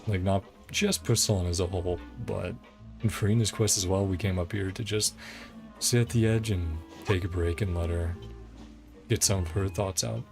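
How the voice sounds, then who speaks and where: Over background game music, this streamer rambles casually through his gameplay, chatting and laughing frequently. His voice is low, creaky and darkish, holding a steady tone at a moderate pace.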